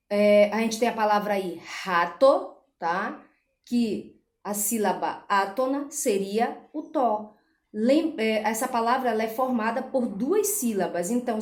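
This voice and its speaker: Patient woman teaching in an echoey room. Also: medium pitch. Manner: patient, stresses example syllables, frequent "tá certo?". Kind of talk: recorded classroom lesson.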